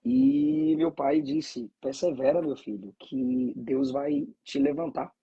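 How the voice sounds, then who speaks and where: A man's voice: mid-range voice, wildly swooping pitch, slow pace, vocal fry, mellow, breathy edge, lo-fi sound. A man from Bahia, a pastor, speaking with fervent preacherly cadence and frequent hallelujahs. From Bahia, Brazil. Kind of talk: conversation and preaching reflection.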